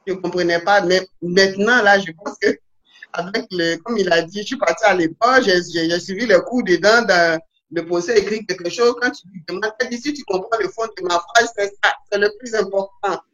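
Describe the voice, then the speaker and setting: A woman's voice: medium pitch, brisk, a bit bright, highs cut off. A woman being interviewed, telling her stories animatedly and restarting often. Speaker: guest, immigrant to Canada. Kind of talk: casual interview. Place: Montreal.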